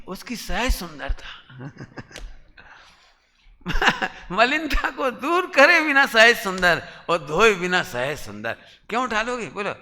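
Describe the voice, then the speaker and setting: Preacher guy giving a sermon, high bright voice, slow, big echoey hall. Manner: animated, questioning the listeners, sudden high exclamations. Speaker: Jain preacher. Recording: echoey hall with long reverb.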